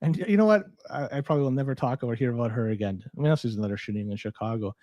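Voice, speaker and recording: A man's voice: mid-range voice, rapid-fire, mellow, no room sound, dull audio. A man from Toronto co-hosting a podcast, chatting casually in an exasperated, swearing way. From Toronto, Canada. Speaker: podcast co-host.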